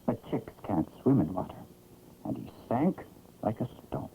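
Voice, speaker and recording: A narrator telling a children's story in an expressive, theatrical vintage 1960s cartoon style. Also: medium pitch, measured pace, soft background music. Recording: old tinny, noisy cartoon soundtrack.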